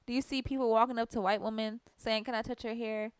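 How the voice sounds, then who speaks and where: A woman's voice: on the high side, flat delivery, fast talker, smooth. A woman co-hosting a podcast in casual chat, talking emphatically and firing off rhetorical questions. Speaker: podcast co-host.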